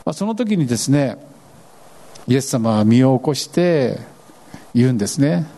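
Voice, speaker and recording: Pastor, male, preaching with big swings in pitch, mellow tone. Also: moderate pace. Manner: animated preaching, voices scripture lines. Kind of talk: sermon.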